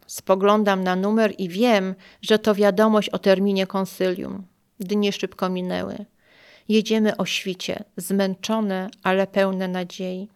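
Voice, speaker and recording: An older woman reading her own memoir aloud in a calm, measured, quietly emotional way. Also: medium pitch, clear, resonant tone. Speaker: memoir narrator.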